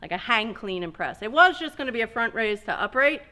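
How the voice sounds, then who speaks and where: A woman's voice: on the high side, sing-song, fairly quick, pushed and bright. A woman in her thirties coaching a dumbbell workout, cueing each move step by step and a little out of breath. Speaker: fitness coach. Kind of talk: workout instruction.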